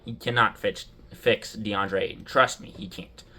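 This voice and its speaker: A man giving a casual opinion monologue as a sports video host, animated and dramatic, with rhetorical questions. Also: on the low side, unhurried.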